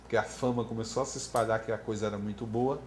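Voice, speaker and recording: A man's voice: lowish voice, fast talker. A man from Brazil teaching about floral remedies in a storytelling lecture, acting out the voices of the people in his story. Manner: animated, acts out quoted voices. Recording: echoey room with faint background noise.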